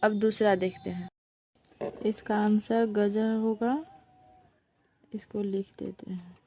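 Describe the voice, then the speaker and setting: A woman's voice: medium pitch, steady tone, warm tone, slight background noise. A woman teacher, patiently explaining a lesson and repeating each word for pronunciation practice. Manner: slow, patient, repeats words for pronunciation drill. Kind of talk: Sanskrit lesson explained in Hindi.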